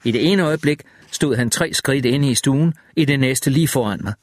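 A man reading a first-person horror story aloud in a tense, measured way. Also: mid-range voice, no echo, clean studio sound. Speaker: audiobook narrator. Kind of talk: first-person audiobook narration.

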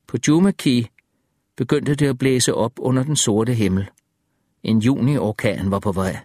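A man narrates a first-person audiobook at a calm, measured pace. His voice has a middling pitch, and the recording is dry and close with no reverb. The delivery is reflective and even.

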